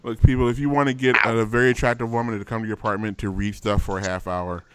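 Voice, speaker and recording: A man's voice: on the low side, flat delivery, quick pace, clean tone, no echo. A man hosting a comedic chat show, joking in a sarcastic, bantering way. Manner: sarcastic, jokes in a mock baby voice. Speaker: podcast host.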